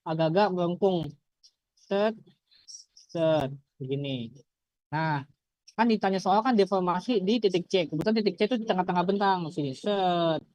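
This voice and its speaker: A man's voice: high-pitched, normal speed, long pauses, darkish tone, no room sound, rough recording. A young adult man with an Indonesian accent explains things like an informal student tutor. He cannot roll his R cleanly, so it comes out slurred. He repeats himself and keeps asking short rhetorical questions, in a dry-sounding recording with little room sound. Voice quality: slurred R, a speech impediment on the R sound. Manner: repetitive, checking with rhetorical questions.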